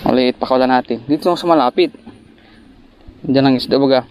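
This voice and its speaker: A man vlogging while fishing outdoors, chatting to viewers and breaking into excited bursts at each bite. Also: medium pitch, a little fast, slight background noise. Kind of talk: casual fishing vlog narration. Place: outdoors by the water, rural.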